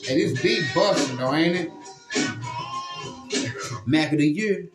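A man swaps crude, joking stories in a loose podcast chat, his voice landing in a roomy, echoing space. Music plays clearly underneath him, and he keeps checking in with his listener. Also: on the high side, animated, slow, recorded from a distance. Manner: crude, joking, keeps asking "you know what I mean?". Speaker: podcast host. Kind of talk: casual storytelling chat. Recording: roomy echo with music behind.

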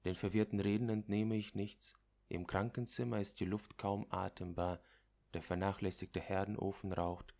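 A man with a very low voice reads a literary story aloud as its narrator. His pacing is measured and dramatic, and he lets the first-person tension build line by line. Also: flat delivery, vocal fry, darkish tone. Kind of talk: literary audiobook reading.

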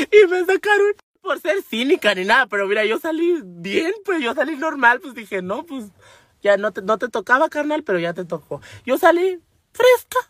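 A man's voice: sits high, sharp tone, dry recording, clean studio sound, full character voice. A man playing a brash, foul-mouthed woman with a Mexican accent, telling stories in a salty, gossipy comic monologue. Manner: salty, gossipy, rambling storytelling.

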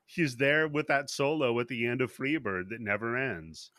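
A man from Washington State hosting a podcast, telling the story in a casual, profane, animated way. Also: medium pitch, moderate pace, no room sound, studio quality. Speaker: podcast host. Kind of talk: casual chat.

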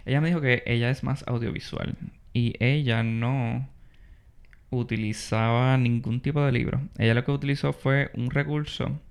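A man's voice: medium pitch, steady tone, moderate pace, gravelly, clear, resonant tone. A young man, hosting a casual advice podcast and often restarting his words. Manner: restarts words, mixes in English terms. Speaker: podcast host.

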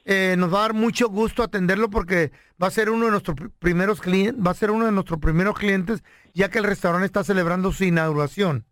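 This man hosts a radio prank show in a high, bright-edged voice with a dry, close sound. He moves from courteous sales talk to quick, slangy joking with his co-hosts. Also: dry recording. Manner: polite salesman patter, then slangy joking. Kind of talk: radio prank call and studio banter.

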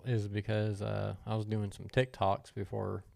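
A man from the Midwest co-hosting a podcast, chatting in a relaxed, slangy way with short replies. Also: fairly low pitch, measured pace, creaky. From American Midwest. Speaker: podcast co-host. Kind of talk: casual podcast chat.

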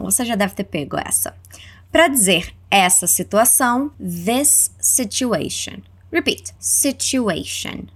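A woman with a Brazilian accent teaching English words, saying each one slowly and clearly for listeners to repeat. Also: fairly high pitch, fairly bright tone. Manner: slow, clear modeling of words for repetition. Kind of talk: language lesson narration.

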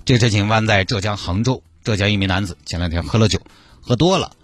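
A man's voice: fairly low pitch, fast, no echo. A man hosting a radio show, telling a news story in a playful, teasing way. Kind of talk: comic news chat.

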